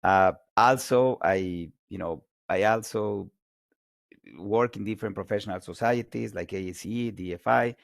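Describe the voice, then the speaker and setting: Colombian-born guy in his 40s lecturing online, low gravelly voice, dry sound, lots of energy. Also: unhurried, dry recording. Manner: energetic, self-correcting repeats. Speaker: guest lecturer.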